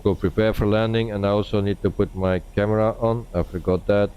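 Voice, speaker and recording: A man giving casual live-stream commentary as a flight simulator player, with halting, hesitant phrasing. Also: fairly low pitch, fairly even intonation, clear, resonant tone, muffled recording.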